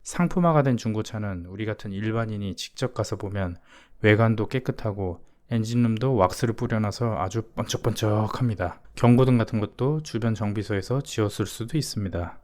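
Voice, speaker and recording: A man's voice: fairly low pitch, fairly quick, a little mellow. A man narrating a scripted explainer voice-over in a casual, self-mocking way with blunt asides. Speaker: YouTuber explaining used-car warranty insurance.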